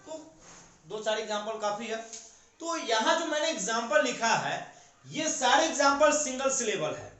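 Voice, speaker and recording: A man's voice: very high voice, animated, moderate pace, fairly bright tone. A man teaching a grammar lesson to a class, explaining step by step and answering his own questions. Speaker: English teacher. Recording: very echoey room.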